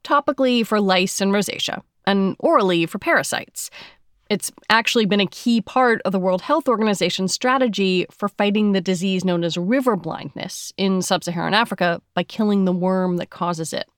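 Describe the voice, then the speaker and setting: A woman's voice: medium pitch, normal speed, clean tone, no echo, clean studio sound. A woman with an American accent hosting a podcast, moving between scripted narration and interview questions. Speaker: podcast host.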